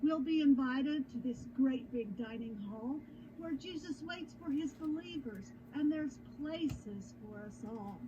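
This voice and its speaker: A woman reciting rhymed cowboy poetry in a measured, rhythmic delivery. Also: high voice, lively intonation. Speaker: cowboy poet. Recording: muffled lo-fi with clear background noise.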